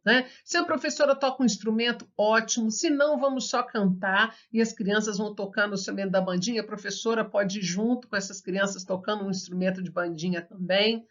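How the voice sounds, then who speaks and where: A woman's voice: medium pitch, fairly even intonation. A woman with a Brazilian Portuguese accent, giving an online music lesson for teachers, explaining step by step and singing children's songs as she claps. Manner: explains slowly, sings children's songs while clapping. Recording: dull lo-fi recording.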